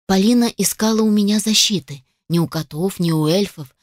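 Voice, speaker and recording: A woman of middle pitch reads a fantasy novel aloud in the first person, steady and expressive. The voice sits close and dry, with no room sound. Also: a little fast, no room sound. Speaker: audiobook narrator. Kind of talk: first-person audiobook narration.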